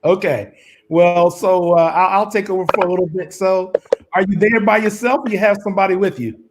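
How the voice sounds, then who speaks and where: A man's voice: high-pitched, steady tone, brisk. A man co-hosting a virtual reading event, heard over a crackly, staticky call line, encouraging a child guest. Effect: crackly, staticky phone-like line. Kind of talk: casual online event hosting.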